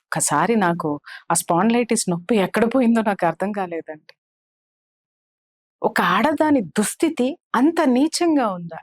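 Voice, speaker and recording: A woman speaks as a counselor, recounting what she witnessed with earnest indignation. Her voice sits in a middle pitch, and the recording is dry and close with no room sound. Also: animated, moderate pace, no echo. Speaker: spiritual counselor. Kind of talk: impassioned personal testimony.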